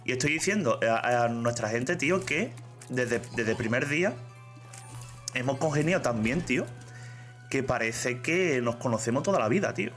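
Animated Spanish man streaming casually. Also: medium pitch, moderate pace, soft background music. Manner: chatty, repeats "tío" often, reads chat aloud. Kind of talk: casual live-stream chat.

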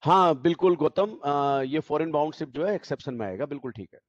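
A man's voice: fairly high pitch, expressive, a little fast, dry recording, highs cut off. A male teacher giving an online tax class, explaining step by step and repeating the key points. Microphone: video call.

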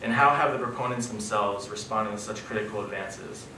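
A man's voice: fairly low pitch, a little fast, pushed and bright. A young man from New York, short of breath from altitude sickness, presenting an academic paper at a conference. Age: young adult. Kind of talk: reading a prepared academic paper. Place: wood-panelled conference room, indoors. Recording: echoey room, distant mic, background noise.

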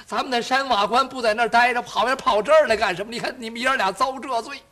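A man voicing a young servant who fusses and gossips in quick, colloquial speech, in a traditional storytelling performance. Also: extremely high pitch, sharp tone. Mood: fussing chatty. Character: chatty young male servant, fussing, gossipy.

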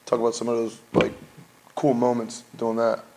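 A man's voice: medium pitch, completely flat delivery, normal speed, mellow, poor audio. A man hosting a casual interview in an indoor gym studio, upbeat and full of slang. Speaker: host.

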